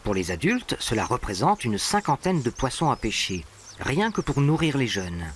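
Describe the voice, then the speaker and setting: A man narrates a nature documentary in a scripted, storytelling register. His mid-pitched voice moves through a lively range of intonation, with clear bird and animal ambience behind it. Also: normal speed, a little hiss or hum. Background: birdsong and natural ambience.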